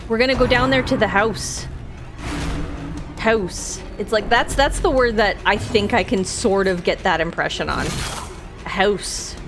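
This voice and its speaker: Over music, a Minnesota-accented woman chats in a rambling, easygoing way as she streams a game, laughing readily. Her voice is medium in pitch and she speaks a little slowly.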